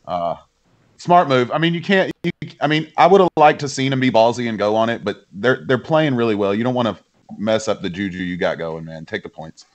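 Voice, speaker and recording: A man's voice: medium pitch, lively intonation, brisk, lo-fi sound. A man joking and giving blunt opinions while commentating on a football game. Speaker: co-commentator and fan. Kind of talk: casual sports banter.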